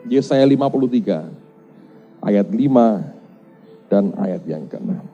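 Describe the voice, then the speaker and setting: A male pastor, preaching a lively sermon and acting out the voices of people in his stories. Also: fairly low pitch, slow, muffled recording, faint music behind. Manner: lively storytelling preaching, acts out dialogue, mixes in Javanese phrases.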